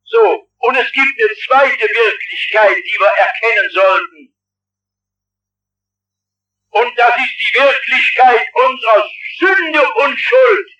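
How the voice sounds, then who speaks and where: A man in his fifties or older, a pastor with a Swabian accent, preaching an impassioned sermon with bursts of shouting. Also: very high voice, slow, highs cut off. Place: large dark hall with an audience. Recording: old radio recording from far off the mic.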